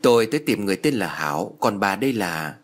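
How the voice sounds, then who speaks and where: A man's voice: on the low side, animated, fast, lightly acted. A man voicing a menacing young woman, who speaks in a harsh, commanding, snarling way. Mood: stern.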